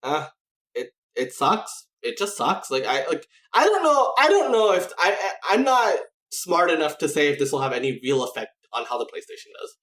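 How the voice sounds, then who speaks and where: A man's voice: a little high, very animated, moderate pace, fairly bright tone, reverberant. A man co-hosting a casual gaming podcast, rambling through his points with many restarts and "you know"s. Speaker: podcast co-host.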